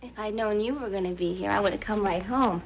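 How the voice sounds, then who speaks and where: An actress playing a young stage actress who talks in a playful, storytelling way, in a 1980s daytime soap. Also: female voice, medium pitch, quick pace, background noise, natural voice.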